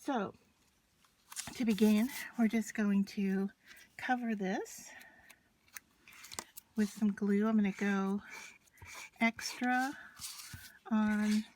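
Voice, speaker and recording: A woman with a mid-pitched voice presents a casual, unscripted craft tutorial. She explains each step as she works with her hands. Noise is audible behind her, with scratching and clicks from the materials she handles. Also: fairly even intonation, extremely slow, pauses often, darkish tone. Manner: instructional, talking through each step while working with her hands.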